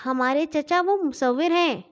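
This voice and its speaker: An excitable little girl from a children's storybook, squealing and eager, as a woman puts her on. Her voice is pitched high and lively, and it jumps about as she talks. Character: young girl, squeamish but bold.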